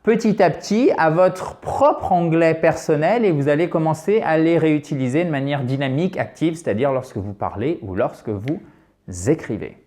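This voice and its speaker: A man teaching English to French speakers in an online lesson. He explains patiently, step by step, repeats words slowly to model pronunciation, and addresses viewers directly as friends. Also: fairly high pitch, a little mellow.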